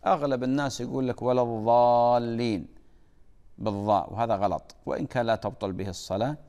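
A man leads a religious lesson, emphatic and corrective as he drills pronunciation. His voice sits at a middle pitch for a man. It rings with the long reverb of a large hall. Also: rapid-fire, vocal fry, a little mellow. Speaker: preacher.

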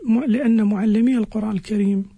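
A man explaining religious rulings as a scholar on a radio program, in a measured, halting way with pauses. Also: sits high, steady tone, warm tone, slightly rough, no echo. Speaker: Islamic scholar answering listeners' questions.

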